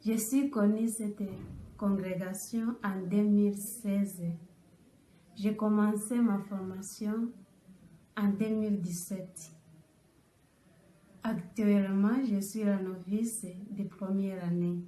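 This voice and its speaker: A woman from Rwanda, a first-year novice nun introducing herself slowly and formally. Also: mid-range voice, steady tone, mellow, echoey room, slight background noise, low-quality recording. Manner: slow, formal self-introduction. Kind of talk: personal testimony.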